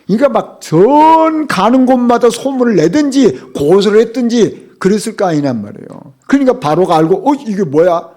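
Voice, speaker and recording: Animated middle-aged man preaching a sermon. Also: very high voice, moderate pace, few pauses. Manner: emphatic, rhetorical questions to the congregation, swings between loud and hushed. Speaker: pastor.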